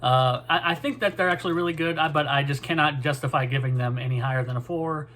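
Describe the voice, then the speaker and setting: A man's voice: on the high side, quick pace, a bit bright, slight background noise. A man gives a casual, rambling food review, hedging as he goes. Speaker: snack reviewer.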